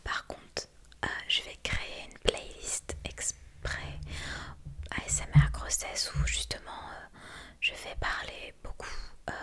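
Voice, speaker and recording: Whispering young woman, intimate ASMR chat. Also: bright, forceful tone. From France. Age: young adult. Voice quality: breathy whisper. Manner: intimate, unscripted rambling addressed to one listener. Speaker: ASMR creator and vlogger.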